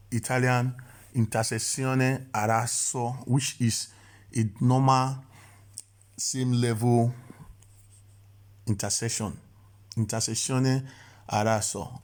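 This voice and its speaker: A man's voice: mid-range voice, fairly even intonation, slow, long pauses, darkish tone. Man explaining driving rules, often restarting. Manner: repetitive, self-correcting, stammers on restarts. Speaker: driving instructor. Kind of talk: explanatory voice-over lesson.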